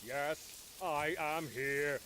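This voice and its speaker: A man voicing an odd wooden tree automaton that speaks in slow, flat, simple statements. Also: fairly high pitch, slight background noise, pitched above the performer's own voice, heavily acted. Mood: deadpan.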